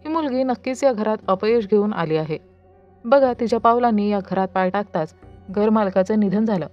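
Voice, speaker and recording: A woman's voice: medium pitch, normal speed, highs cut off, faint music behind, lightly acted. A woman voicing a scornful, superstitious male priest who speaks in an accusing way.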